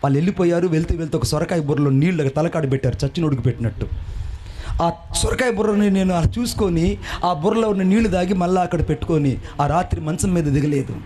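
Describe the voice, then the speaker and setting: A man preaching a fervent sermon, telling his own story and rising into shouts and chanted phrases. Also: fairly high pitch, fast talker. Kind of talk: sermon with personal testimony.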